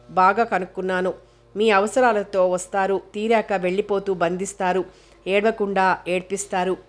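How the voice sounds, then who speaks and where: A woman's voice: mid-range voice, close to an everyday voice. Blind young man, anguished and pleading, read by a woman narrator, storybook reading. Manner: pleading, reproachful questions.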